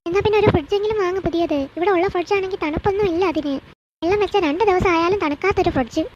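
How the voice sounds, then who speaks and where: A woman's voice: very high voice, rapid-fire. A woman voicing a spoiled, whiny rich young bride. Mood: shrill, demanding. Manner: whiny, petulant complaining. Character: spoiled rich young daughter-in-law, complaining and demanding. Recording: dull lo-fi with faint hiss.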